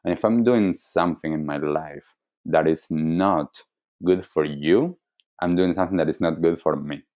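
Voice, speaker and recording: A wellness coach appearing as a podcast guest gives reflective interview answers in an Argentine accent, explaining things deliberately and earnestly. His voice is very deep and darkish in tone.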